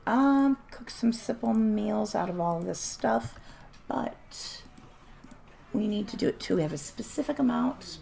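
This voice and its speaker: A woman's voice: mid-range voice, animated, a little slow, gravelly, warm tone, slight background noise. A woman chatting casually and bluntly while streaming a game, laughing often and starting to lose her voice. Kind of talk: casual livestream chat while gaming.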